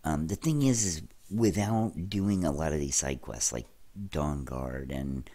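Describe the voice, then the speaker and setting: With a rumbling low voice and a dark tone, a young man talks viewers through his let's play at a slightly slow pace. He's chatty and addresses the audience directly, though his voice comes across stuffy and congested.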